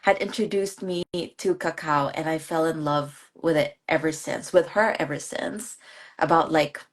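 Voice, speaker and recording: A woman's voice: low voice, measured pace. A woman from the Philippines, a guest on a live online interview, speaking earnestly with hesitant restarts. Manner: earnest, hesitant, laughs often. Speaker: guest, course graduate.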